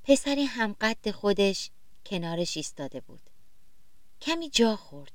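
Woman gently reading a children's story. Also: mid-range voice, sing-song, dry recording.

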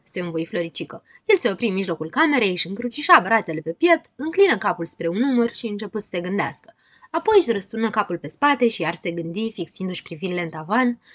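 A woman narrating a children's story with expressive, lively storytelling. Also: medium pitch, dry recording.

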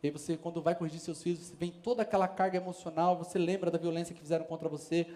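A man's voice: a little high, steady tone, racing, mellow. A man with a Brazilian Portuguese accent preaching a sermon as a pastor, emphatic and building in force. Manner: emphatic, preaching with rising force and sudden calls. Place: church service.

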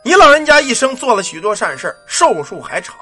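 A man voicing a cold, stern ghost general from the underworld, speaking slowly in a low, measured way. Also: sing-song, sharp tone, soft background music, full character voice. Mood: grave.

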